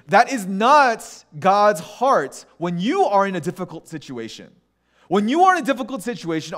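Male preacher, conversational sermon delivery, high and expressive voice. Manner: animated, conversational preaching with restarts and acted asides. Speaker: pastor.

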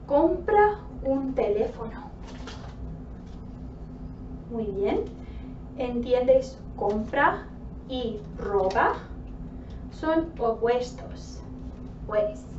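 Slow, lively woman teacher, roomy sound. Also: a little high, slight background noise. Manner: slow, deliberate, theatrical, with gasps and whispered asides. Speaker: language teacher. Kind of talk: slow spoken commands for a vocabulary lesson. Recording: roomy, distant, dull sound.

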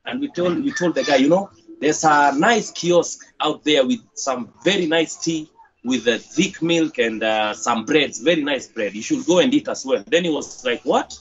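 A young man with a Kenyan accent speaks over a dull, lo-fi video-call line with a faint hiss behind him. He talks in a halting way, full of fillers and restarts, like a guest in a casual interview. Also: medium pitch. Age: young adult. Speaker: interview guest, gym owner. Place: outdoors by a corrugated metal wall. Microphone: headset on a video call.

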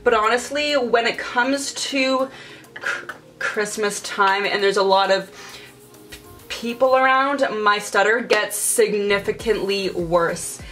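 Soft background music plays as a young woman does her makeup indoors in her bedroom and chats casually for a get-ready-with-me vlog. She speaks slowly in a mid-range, fairly bright voice, and her speech stutters with blocks and repeated sounds.

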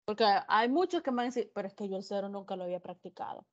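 A woman's voice: mid-range voice, animated, fast talker, darkish tone, highs cut off. A woman teaching an English class online, explaining patiently and repeating the numbers. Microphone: video call.

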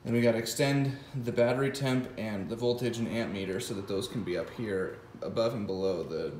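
Fairly low in pitch and a little mellow, a man talks fairly quickly through the wiring of the electric motorcycle he's building, in a casual home-garage walkthrough full of fillers and restarts. His phone records him up close, and there's an echoey room with slight background noise.

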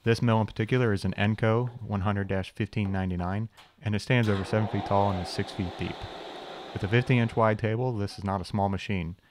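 A young man with a fairly low voice and fairly even intonation narrates a scripted voice-over touring his shop, talking a little fast over some background noise. As channel host and machinist, he explains the machines with dry, wry humor and self-deprecating asides.

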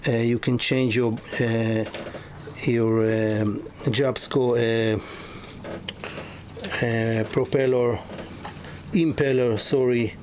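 Slow-talking man touring a sailboat. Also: medium pitch, flat delivery, darkish tone. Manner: halting, many fillers and restarts. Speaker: yacht broker. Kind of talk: walkthrough tour. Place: inside a sailboat cabin. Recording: noisy ambience.

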